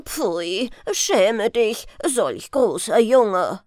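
A woman voicing a grumpy old grandfather hare who scolds loudly in a bedtime storybook. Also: fairly high pitch, big pitch swings, takes it slowly, no echo, studio quality, heavily acted. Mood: scolding. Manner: stern, loud scolding grumble.

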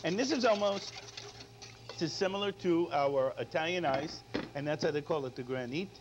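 A middle-aged chef leads an unscripted studio-kitchen cooking demonstration at a moderate pace, his fairly high voice expressive and peppered with short "all right?" check-ins. The lapel-mic recording is dull and lo-fi, with background noise.

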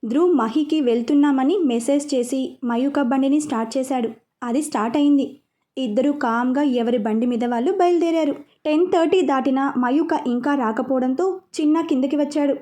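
A woman narrating a romance story serial in a steady, expressive way. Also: high voice, moderate pace.

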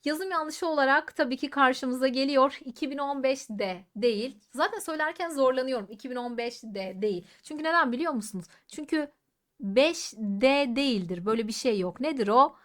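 A woman teaching an exam-prep grammar lesson, emphatic and repeating words slowly to show how they sound, often putting questions to her students. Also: high voice. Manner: addresses students directly with questions.

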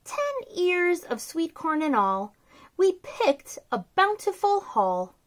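With a very high-pitched, very animated voice, a woman in her thirties takes it slowly as she reads a picture book aloud for a children's story time. She sounds bubbly and sing-song, speaking from a small, decorated indoor room.

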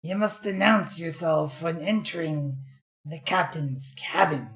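A woman's voice: low voice, measured pace. A woman voicing a blustering, commanding pirate from a video game who guards the captain's cabin. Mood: suspicious, commanding. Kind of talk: reading video game dialogue in character.

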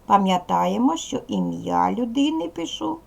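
A woman with a Ukrainian accent, a primary school teacher giving a recorded lesson to young children in slow, clear instructions. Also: medium pitch, sing-song, a little mellow.

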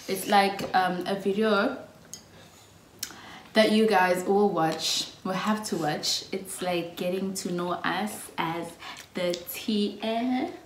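This get-to-know-us video features a giggly, talkative South African woman in her early twenties who vlogs on YouTube, laughing often. She speaks slowly in a mid-range voice, and the small indoor room gives a reverberant sound with slight hiss or hum.

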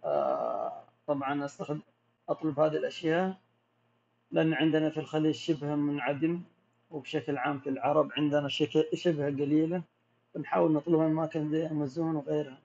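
Gulf-accented man, a bit high-pitched, reads questions aloud and explains calmly; dull, lo-fi recording. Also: fast, gravelly. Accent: Gulf Arabic. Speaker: macro photographer answering viewer questions. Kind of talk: casual live Q&A. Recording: dull lo-fi audio.

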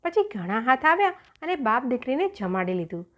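A woman narrating a children's audiobook story, with an expressive, storytelling manner. Her voice sits fairly high and rises and falls with lively, animated pitch. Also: brisk.

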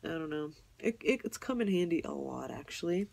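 A young woman rambling casually through her tablet apps, often unsure and apologizing, with a low, slightly husky voice. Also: animated, a little fast, a little mellow. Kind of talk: casual screen walkthrough.

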